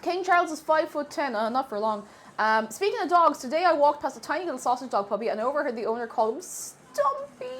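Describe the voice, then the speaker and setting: This is an Irish woman with a high voice and a sniffly cold, casually chatting to viewers while cooking during a live stream. Animated and talkative, she warmly thanks her audience, and there's slight background noise.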